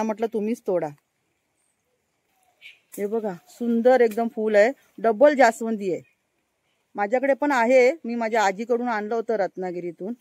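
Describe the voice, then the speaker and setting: A woman with a Konkan Marathi accent and a bright, high-pitched voice gives a casual walking tour of a village garden outdoors. She talks chattily into a handheld phone and keeps pointing things out to her viewers. The sound is dry and close, with little room echo. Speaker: vlogger. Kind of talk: casual walk-and-show garden vlog.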